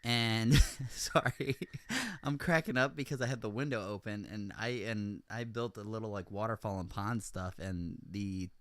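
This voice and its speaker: Bright-voiced chatty man hosting. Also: lowish voice, moderate pace, no room sound. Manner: chatty, laughs often, with many fillers. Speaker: host. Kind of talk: casual chat. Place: room at home with window open.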